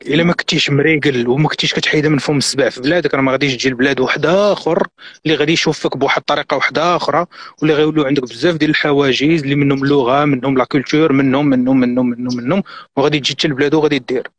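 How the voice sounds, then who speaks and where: A man's voice: fairly high pitch, steady tone, racing, fairly bright tone, dry recording. A middle-aged man from Morocco with a Moroccan accent, a guest on a live stream, giving earnest, insistent advice and mixing in French and English words.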